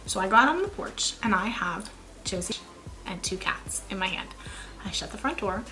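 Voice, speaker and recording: A woman's voice: medium pitch, poor audio. Chatty young woman telling a storytime vlog. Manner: chatty, animated, self-mocking storytelling. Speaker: YouTube vlogger.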